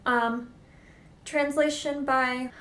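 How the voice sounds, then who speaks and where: A young woman chatting casually in a book vlog, excitable and self-deprecating, often unsure how to say names. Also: sits high, very slow. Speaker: booktuber. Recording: echoey room.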